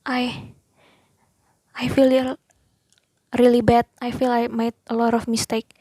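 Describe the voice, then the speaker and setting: A woman's voice: fairly high pitch, level tone, takes it slowly, dark tone, no echo. A woman voicing a distressed, tearful young female friend who speaks in broken, pleading phrases. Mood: anguished.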